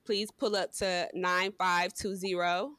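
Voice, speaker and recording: Slow, laid-back woman guest. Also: fairly low pitch, flat delivery, a bit bright, no room sound, studio quality. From Cleveland, Ohio. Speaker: guest, entrepreneur and mom. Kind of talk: casual podcast interview.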